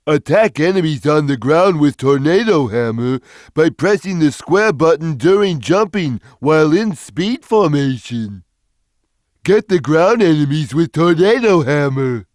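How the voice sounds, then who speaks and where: A man voicing a big, gentle, slow-witted cartoon cat in a video game, with a simple, drawn-out, childlike, friendly delivery. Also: a little high, dry recording.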